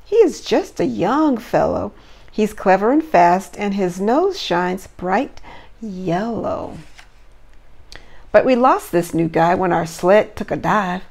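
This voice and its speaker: Woman voicing flustered old Santa, animated storybook style. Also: medium pitch, takes it slowly, creaky, heavily acted. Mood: worried, upset. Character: flustered old jolly Santa Claus, aging and worried. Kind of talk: children's storybook read-aloud.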